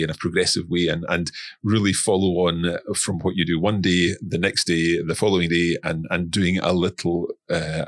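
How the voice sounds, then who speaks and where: Here a podcast guest who makes language courses talks in a casual interview, his low voice carrying a bit of brightness. He frequently repeats words while reaching for them; the audio is studio quality with no room sound.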